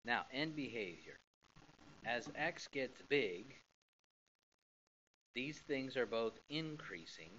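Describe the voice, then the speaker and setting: A male math teacher recording his lecture notes, animated and repeating phrases for emphasis while tired and yawning. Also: medium pitch, slow pace, pauses often, slight background noise. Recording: dull lo-fi classroom recording.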